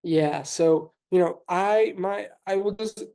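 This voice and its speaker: A Russian-speaking physician in his thirties from New York City answers interview questions as a guest, thoughtful and measured, with many fillers and restarts. His voice sits high and sounds creaky, with a warm tone.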